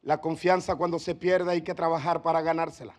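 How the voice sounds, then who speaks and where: A male pastor preaching a sermon with passion, moving from hushed pleading to shouting. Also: fairly high pitch, flat delivery, fairly quick.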